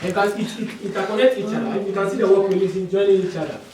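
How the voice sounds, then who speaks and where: A man's voice: high-pitched, fairly even intonation, fast, darkish tone. A male tour guide patiently explaining step by step, his voice ringing with cave echo in an underground stone dungeon. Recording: echoey cave, distant mic, noisy.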